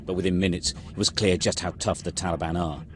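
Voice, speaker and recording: A deep male voice narrates a war documentary in terse, dramatic sentences. Loud vehicle and battlefield noise runs behind him. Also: steady tone, quick pace.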